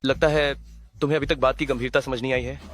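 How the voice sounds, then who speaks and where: A man playing a bossy amnesiac CEO, quick and commanding. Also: medium pitch, steady tone, slight background noise, lightly acted. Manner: commanding, possessive. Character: domineering young male CEO with amnesia. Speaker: company president. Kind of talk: dubbed drama dialogue.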